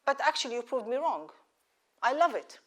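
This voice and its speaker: A woman in her sixties from Iraq, raised in Israel, telling her life story in a measured, reflective talk with rhetorical questions. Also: high-pitched, very animated. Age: 60s. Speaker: speaker at a live lecture event.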